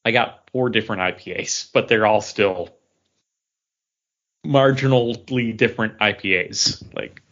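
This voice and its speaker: A podcast co-host rambles in an easygoing, casual chat, his voice on the low side, a bit bright, and unhurried. The recording sounds dull and lo-fi.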